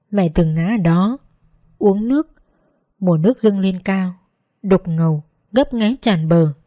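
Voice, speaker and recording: A woman narrating an emotional first-person story in a slow, gentle, measured reading. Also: medium pitch, no echo. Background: faint background music.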